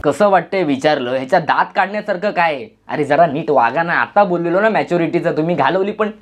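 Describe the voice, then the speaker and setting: A man's voice: on the high side, fast talker, a little hiss or hum. A man giving a mocking, teasing voice-over on a vlog's footage, with music playing behind him. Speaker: vlogger narrating over footage. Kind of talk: sarcastic comic voice-over.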